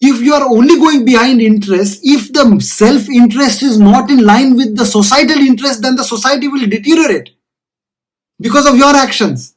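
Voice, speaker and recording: A man's voice: extremely high pitch, moderate pace, low-quality recording. A man with a South Indian accent giving an informal spiritual discourse as a teacher, earnest and repeating phrases for emphasis.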